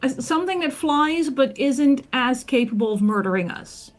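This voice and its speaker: A woman's voice: high voice, lively intonation, moderate pace. A woman playing a tabletop game, bantering casually in a wry, teasing way.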